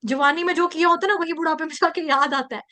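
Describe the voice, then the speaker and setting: Woman spiritual teacher, high bright voice, animated storytelling, scripture class. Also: fast talker. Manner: animated, acts out quotes in the story.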